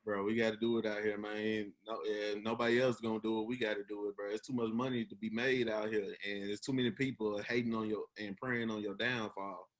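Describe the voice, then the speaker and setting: A Memphis man in his twenties with a Southern accent hosts a casual podcast chat, earnest, encouraging, and slangy. His lowish voice barely changes pitch as he talks fairly quickly with hardly any pauses. The audio quality is poor.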